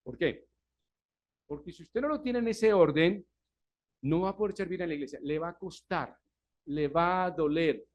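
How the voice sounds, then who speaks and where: A male pastor preaching a Sunday sermon, asking the congregation questions and answering them himself, swinging from loud emphasis to quiet asides. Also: a little high, normal speed, long pauses, highs cut off. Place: church service.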